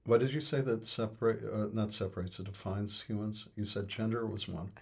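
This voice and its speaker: Husky low-voiced man, hesitant and musing. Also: fairly even intonation, a little fast. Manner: hesitant, many fillers and restarts. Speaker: interviewee on music. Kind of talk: thoughtful conversational explanation.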